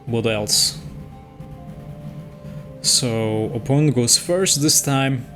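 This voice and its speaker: Drawing out his words in a mid-range voice, a man plays a digital card game and hosts relaxed commentary, pondering each move with a touch of hesitation. Music plays underneath.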